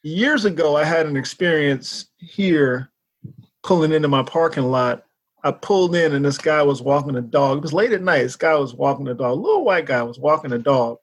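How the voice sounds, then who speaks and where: A man co-hosting a casual chat, telling a story in an animated way, acting out the voices he quotes and swearing often. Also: normal speed, slightly rough. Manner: animated, acts out quotes with big pitch jumps, swears often.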